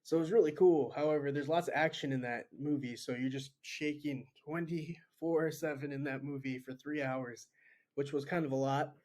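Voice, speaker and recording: A man who is a podcast guest, telling stories in casual chat in an animated way and laughing easily. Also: fairly high pitch, normal speed.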